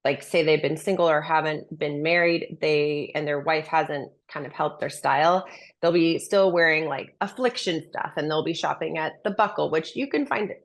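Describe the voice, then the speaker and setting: A woman's voice: low voice, normal speed. A woman speaking as a dating coach in a conversational interview, explaining things and giving opinionated advice. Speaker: dating and relationship coach, menswear stylist.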